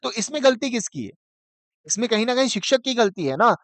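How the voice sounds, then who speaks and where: A man teaching an exam-prep language class, asking questions and answering them himself, chanting verses slowly. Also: extremely high pitch, sing-song, a bit bright, no echo.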